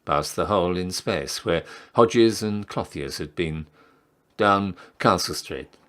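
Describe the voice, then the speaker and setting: A man giving a dramatic literary reading in a declamatory, emphatic town crier manner, with measured phrasing. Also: low voice, fairly bright tone. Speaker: reader of a literary story.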